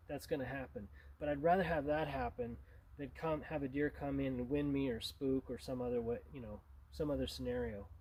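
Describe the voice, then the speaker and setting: A man's voice: mid-range voice, mellow, poor audio. A man gives an informal tutorial as a hunting instructor, in a plain-spoken, conversational way.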